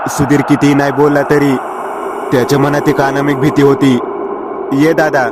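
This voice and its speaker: A man narrating a scripted horror story in a steady, measured reading. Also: mid-range voice, very noisy.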